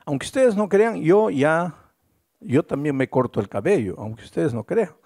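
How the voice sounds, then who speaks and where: Pastor guy preaching, voice swings up and down a lot, gravelly and husky. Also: moderate pace. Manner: animated storytelling, swooping pitch, rhetorical questions. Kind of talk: storytelling sermon.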